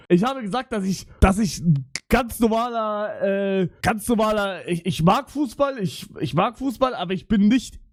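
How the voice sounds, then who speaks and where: A young man chatting live on stream in a bright, high voice. He rambles in street slang and swears freely, sounding flustered as he talks. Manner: slangy, swearing, repeats "Digga" and "Bruder". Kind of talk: casual live-stream chat.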